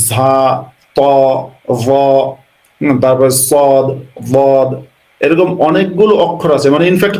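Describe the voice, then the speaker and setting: A man from Bangladesh, a religious scholar explaining an answer and piling up rhetorical questions. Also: on the high side. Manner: lecturing, piles up rhetorical questions. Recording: roomy echo.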